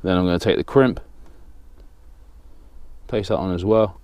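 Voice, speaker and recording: A man in his thirties from England with a southern English accent hosts a fishing channel, explaining a rig step by step in a plain, practical way while working with his hands in a small indoor studio with a banner backdrop. His low-pitched voice is clear, resonant, and darkish, measured in pace, with no room sound.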